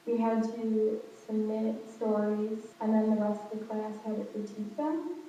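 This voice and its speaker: A young woman talks in a casual, rambling student vlog, acting out bits of conversation as she goes. Her mellow voice rings with a big hall echo and sits away from the microphone. The sound is a little dull, with a faint hum. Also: medium pitch, moderate pace, recorded from a distance. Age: young adult. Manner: rambling, animated retelling with quoted dialogue. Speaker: college student vlogger. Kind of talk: casual chatty video diary. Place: echoey indoor space in a college dorm, with passers-by.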